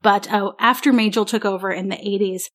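A woman's voice: mid-range voice, steady tone, brisk. Woman host sharing fan history facts. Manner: informative, reads out dates and facts. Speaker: podcast host. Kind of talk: casual podcast discussion.

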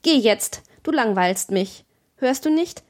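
A woman's voice: a little high, animated, slow, a little mellow. A woman reading an audiobook, voicing a haughty, capricious young noblewoman who swings between tender and cruel. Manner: imperious, alternating tender and cruel.

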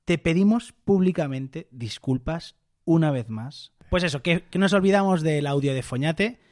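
A man's voice: on the high side, moderate pace, dry recording, studio quality. A man co-hosting a podcast in casual chat, reading listener comments aloud in a jokey way. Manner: animated, jokey, reads messages aloud. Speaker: podcast co-host.

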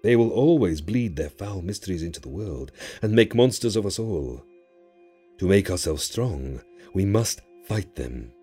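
A man's voice: sits low, lively intonation, mellow, slightly rough, faint music behind, full character voice. A man voicing an ancient male jinn who speaks in grand, cryptic, teasing pronouncements in an audio drama. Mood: grave. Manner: theatrical, teasing, drawn-out pronouncements.

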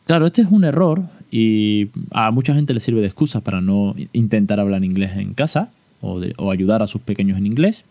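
Man, podcast host, low mellow voice, ironic and chatty, close dry mic. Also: lively intonation, moderate pace, dry recording. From Spain. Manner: ironic, chatty, many fillers. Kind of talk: casual solo podcast talk.

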